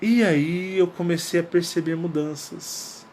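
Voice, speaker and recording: A Brazilian man with a somewhat high voice tells a personal story in a casual, emphatic way. He repeats key phrases for weight and acts out the dialogue he quotes. A faint hiss sits under the recording. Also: fairly even intonation, unhurried, darkish tone. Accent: Brazilian Portuguese. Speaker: channel host.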